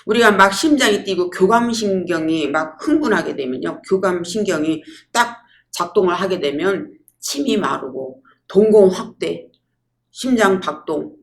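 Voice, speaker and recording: A woman giving a public lecture, telling lively stories and acting out quotes. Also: on the low side, normal speed, vocal fry. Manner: lively storytelling with acted-out quotes.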